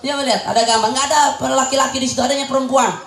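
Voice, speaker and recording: A young male preacher giving a humorous sermon to a crowd of mothers, teasing them and shouting his punchlines. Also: very high voice, fairly even intonation, rapid-fire. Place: religious gathering with an audience. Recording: echoey event hall with crowd sound.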